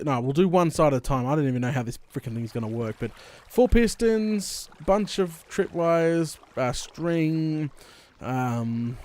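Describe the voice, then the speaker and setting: An Australian man hosting a gaming video in casual commentary, rambling and thinking out loud in colloquial speech. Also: mid-range voice. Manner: rambling, thinking aloud, with mild colloquial swearing. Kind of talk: casual Let's Play commentary. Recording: clear background noise, game clicks and water.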